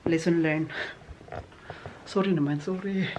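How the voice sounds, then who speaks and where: Against a noisy background, a Filipino woman talks to her viewers a little slowly in a lowish, fairly even voice. It's a casual home vlog shot indoors and outdoors in Germany, full of laughter and dropped-in English words.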